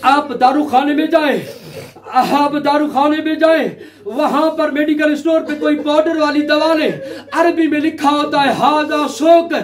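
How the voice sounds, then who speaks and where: A man's voice: extremely high pitch, steady tone, unhurried. A male cleric giving a mourning sermon, half-chanted, with a tearful, rising lament. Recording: distant mic with crowd noise.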